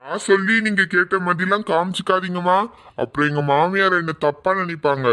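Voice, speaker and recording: Man as a protective husband, fairly high voice, earnest and indignant, family skit. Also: steady tone, brisk, sharp tone, clear, resonant tone.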